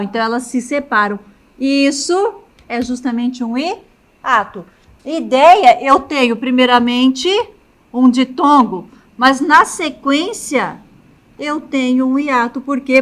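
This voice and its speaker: A woman's voice: fairly high pitch, a bit bright. A woman teacher with a Brazilian Portuguese accent giving a grammar lecture at the chalkboard, often stopping to check that students follow. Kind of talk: classroom lecture.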